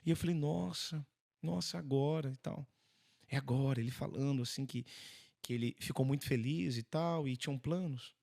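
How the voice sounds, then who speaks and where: Brazilian priest telling animated stories. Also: male voice, mid-range voice, moderate pace, gravelly. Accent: Brazilian Portuguese. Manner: animated, acts out dialogue in quoted voices. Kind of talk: conversational storytelling in an interview.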